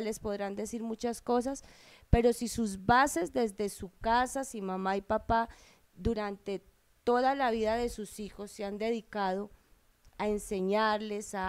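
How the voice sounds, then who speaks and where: A woman's voice: medium pitch, clean tone, no echo. A woman taking part in a Bible study discussion, speaking hesitantly with many restarts, into a handheld microphone passed to her.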